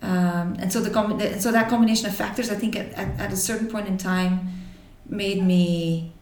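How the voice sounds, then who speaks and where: A woman in her forties from Belgium, telling her life story to an interviewer in a thoughtful way, with many pauses and restarts. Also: medium pitch, steady tone, a little mellow, roomy sound, distant mic. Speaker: interview guest. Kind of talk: reflective personal storytelling.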